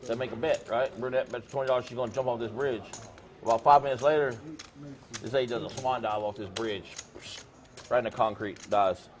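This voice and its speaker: A man telling jokes between hands at a poker game. His voice is mid-pitched and plain. He puts on voices whenever he quotes someone in the story. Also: fairly even intonation, fairly quick, a little hiss or hum. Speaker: poker player.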